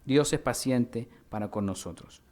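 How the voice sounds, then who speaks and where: A man from Mexico, a pastor preaching a teaching sermon, spelling out words slowly and putting questions to his congregation. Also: medium pitch, a little mellow. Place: church hall.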